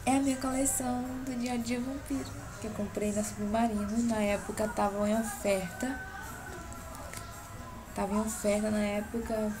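The audio is poor, and her voice is fairly high. She's a young woman from Brazil, congested with a cold, chatting about her books to a close-range webcam in her small bedroom for a casual book show-and-tell vlog, checking in with viewers through repeated "tá?" as the neighbours' music carries on in the background.

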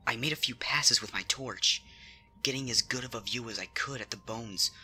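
A man with a fairly low, pushed and bright voice reads a horror script in a suspenseful, theatrical style. Background music accompanies the narration.

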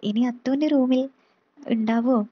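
A woman's voice: fairly high pitch, a little slow, slightly rough, no room sound, lo-fi sound. A woman voicing a cheerful, affectionate young man who teases his little sister fondly. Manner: teasing, fond.

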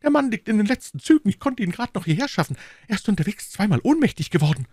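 A man voicing a frantic, breathless middle-aged headmaster in an audiobook, pleading in a high, agitated voice. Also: big pitch swings, brisk, a little mellow, dry recording, heavily acted. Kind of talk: audiobook reading.

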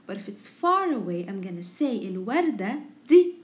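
In a fairly quick, sing-song mid-range voice, a woman with an Egyptian Arabic accent gives a language lesson. She instructively repeats words along with their translations.

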